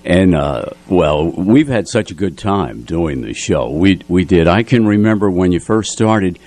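A radio announcer and co-host chats casually and effusively in the studio, introducing the show and often repeating himself for emphasis. His low-pitched, darkish voice has lively intonation and an unhurried pace, captured on a studio radio microphone.

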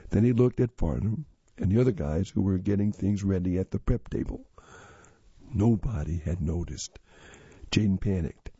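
A man reading magazine stories and articles aloud in a steady, measured way. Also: low-pitched, slightly rough, no echo. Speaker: magazine reader. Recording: dull lo-fi recording.

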